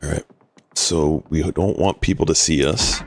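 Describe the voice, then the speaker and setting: Deep-voiced man streaming a game. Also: unhurried, dry recording. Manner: relaxed, explains game rules while answering chat. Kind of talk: casual live-stream commentary.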